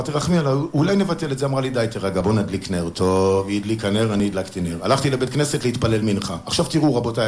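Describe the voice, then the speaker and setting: A middle-aged man telling a stand-up story to a live audience, acting out the people in it. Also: medium pitch. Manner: animated, acts out other people's voices in quotes. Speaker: stand-up comedian. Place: stage before a live audience.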